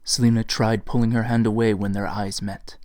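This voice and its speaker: A man narrating his own fantasy novel in a measured storytelling voice, recorded on a desktop mic. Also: lowish voice, flat delivery, a little mellow, dry recording, studio quality. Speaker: author and narrator. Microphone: USB desktop mic.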